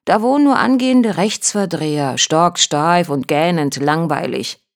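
A woman's voice: low voice, expressive, unhurried. A woman voicing a cheerful, daring young man who talks in a breezy, boastful way.

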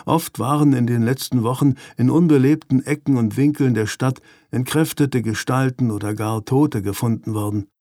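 In a measured, even storytelling style, a male audiobook narrator reads a scripted text at medium pitch. The recording is dry and of studio quality.

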